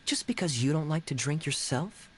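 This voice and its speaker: An actor voicing a sly, charming male knight in a game who teases with smooth, wry words. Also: fairly high pitch, expressive, moderate pace, slight background noise, natural voice. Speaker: game character. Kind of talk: game voice acting.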